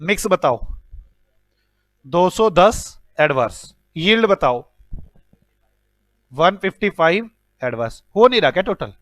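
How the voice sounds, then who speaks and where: A man's voice: sits high, slow pace, long pauses, dry recording. An Indian man with an Indian accent teaching an accounting class, telling stories with mock scolding. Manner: animated storytelling with mock scolding. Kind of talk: classroom lecture.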